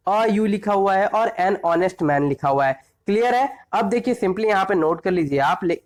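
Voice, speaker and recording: A man teaching a grammar lesson. He keeps asking quick questions and answering them himself, often checks that the listener is following, and reads example phrases slowly. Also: high voice. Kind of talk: classroom-style grammar lesson.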